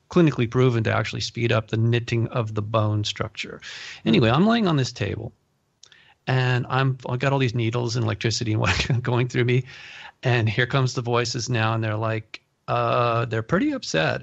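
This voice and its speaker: A man hosting an interview, telling animated personal stories and laughing often as he talks. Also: mid-range voice, creaky, dry recording, dull audio. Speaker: podcast host. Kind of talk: casual interview storytelling.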